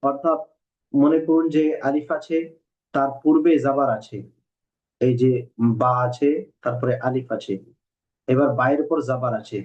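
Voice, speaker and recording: A man's voice: mid-range voice, level tone. Patient man teaching, dull lo-fi sound. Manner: patient, repeats rules and spells letters out slowly. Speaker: Quran reading teacher. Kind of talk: recorded online lesson. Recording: dull lo-fi recording.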